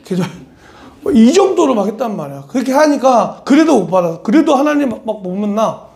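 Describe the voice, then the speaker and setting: A man preaching at a church service with a strikingly high voice that carries a rough, gravelly fry. He speaks conversationally and animatedly, moving between polite address and blunt casual remarks. He talks straight to his listeners. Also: big pitch swings, fairly quick, darkish tone. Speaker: pastor.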